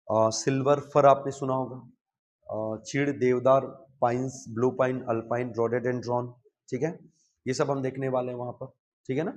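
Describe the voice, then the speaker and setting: A man's voice: mid-range voice, a little mellow, dull audio. A man giving a chatty, joking classroom lecture and often checking with his students. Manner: chatty, jokey, asks students questions. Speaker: exam coaching teacher.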